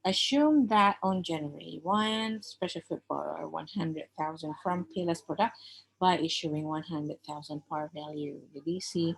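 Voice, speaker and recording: A woman's deep voice, a little slow and touched with vocal fry, carries an informal accounting lecture in an Indonesian accent. She explains in a chatty way, often using tag questions to check understanding. The low-quality recording has slight background noise.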